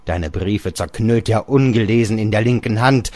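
A man's voice: on the low side, normal speed, a little mellow, no room sound, pitched above the performer's own voice, lightly acted. A man reading an audiobook, voicing an old bedridden father who rants scornfully at his son and keeps raising his voice. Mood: mocking. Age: older. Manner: ranting, raising his voice in bursts.

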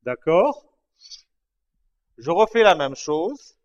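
A man teaching a writing lesson, slowly explaining each stroke, repeating himself and checking that his students follow. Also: a little high, sing-song. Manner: patient, repeats and checks understanding. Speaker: language teacher. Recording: dull lo-fi recording.

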